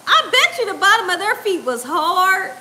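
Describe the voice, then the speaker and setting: A middle-aged woman, hosting a casual livestream from her home kitchen and reading out chat, laughing often and chatting in an animated way. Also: very high voice. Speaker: cooking channel host reading live chat. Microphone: lapel mic.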